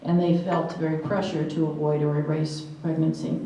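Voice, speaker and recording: A woman's voice: sits low, level tone, moderate pace, mellow, distant mic, a little hiss or hum. Earnest older woman lecturing in echoey hall. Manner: earnest, anecdotal, with acted quotations. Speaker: conference speaker. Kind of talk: lecture to a live audience. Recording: echoey hall, mic from afar.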